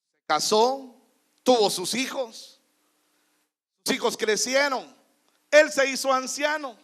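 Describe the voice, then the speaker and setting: A male pastor preaching a sermon, telling a story and building to loud, emphatic passages. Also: very high voice, slow.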